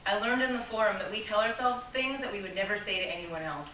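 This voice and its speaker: Speaking fast in a mid-range voice, a woman gives a prepared club speech to a live audience, earnest and direct, asking the room questions and sometimes losing her place and starting over. She's recorded from a distance in an echoey room with faint hiss.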